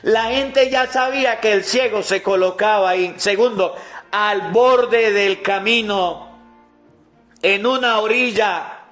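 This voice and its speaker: A man preaching as a priest with a very high voice and an unhurried, deliberate delivery. He asks rhetorical questions, stresses them, and lets key words fall low and soft. Faint music plays underneath. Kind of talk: sermon.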